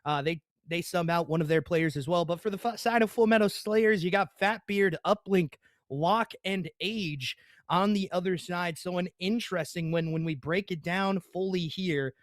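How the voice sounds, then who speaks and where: Young guy doing esports play-by-play, kinda high voice, dead dry sound, hiccuping n saying sorry to chat. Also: moderate pace, no room sound. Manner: hiccuping, apologetic asides to chat. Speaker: esports caster. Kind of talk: play-by-play commentary.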